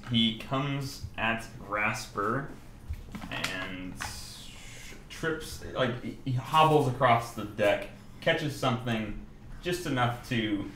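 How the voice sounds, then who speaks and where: Very slow, low-voiced man player. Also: bright, forceful tone, echoey room, slight background noise. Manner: slow, halting description. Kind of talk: casual tabletop gaming chat.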